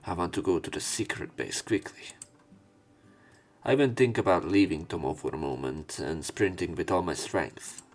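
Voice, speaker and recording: Deep male narrator reading a visual novel aloud, self-correcting stumbles, soft music behind. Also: moderate pace. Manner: stumbles and corrects words while reading, laughs to himself. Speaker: let's play narrator.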